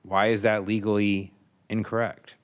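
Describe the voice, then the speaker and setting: Deep-voiced male judge, precise questioner. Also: level tone, smooth. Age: middle-aged. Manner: precise, measured, pointed. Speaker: appellate judge. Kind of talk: questioning from the bench. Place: large courtroom. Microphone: bench gooseneck microphone.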